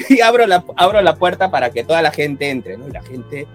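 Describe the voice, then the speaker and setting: A man telling an animated, swear-filled story in casual chat and acting out the voices as he goes. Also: a little high, normal speed, faint music behind. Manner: animated, profane anecdote-telling, acts out voices.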